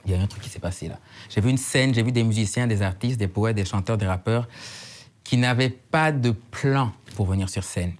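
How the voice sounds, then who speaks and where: A man in his thirties from Côte d'Ivoire speaks in a fairly low voice. He talks reflectively as an interview guest. He circles back to the same words for emphasis, like lines of a poem. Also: fairly quick. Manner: reflective, repeats phrases for emphasis. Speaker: slam poet guest. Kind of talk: casual interview chat.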